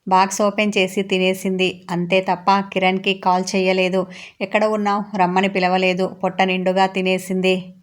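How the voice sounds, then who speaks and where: A woman narrating a romantic audiobook story in an even, steady reading voice. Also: medium pitch, moderate pace.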